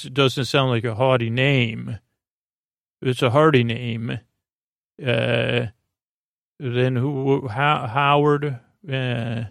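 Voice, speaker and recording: A man with a gravelly, creaky, mid-range voice hosts a sleep podcast. His bedtime monologue meanders and halts, drifting into frequent digressions. The studio-quality audio has no room sound.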